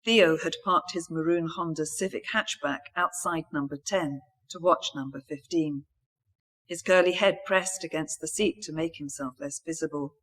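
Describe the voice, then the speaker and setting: A woman author reading a mystery novel aloud in a steady, even storytelling manner. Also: deep voice, moderate pace.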